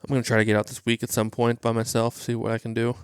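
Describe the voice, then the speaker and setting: A young man with a smooth, clean voice speaks in a flat, even tone. He makes matter-of-fact remarks and gives short replies as co-host, recorded close on a headset mic with no room sound. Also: mid-range voice, fast talker, no echo. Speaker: podcast co-host. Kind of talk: casual chat. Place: small hunting shop studio. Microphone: headset or boom mic.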